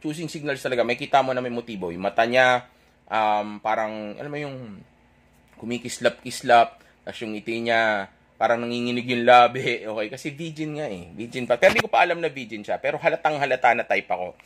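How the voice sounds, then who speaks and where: A man's voice: mid-range voice, expressive, fairly quick, a bit bright. A young man telling an audience a dating story in a casual, rambling way, correcting himself and checking in with "okay?" after nearly every point. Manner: chatty, rambling, self-correcting.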